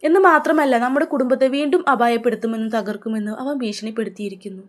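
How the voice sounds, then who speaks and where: A resolute young man in a storybook tale, calm on the surface with anger held down, as a woman narrator plays him. His speech is firm and steady, fairly high. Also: fast talker, close to an everyday voice. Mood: determined.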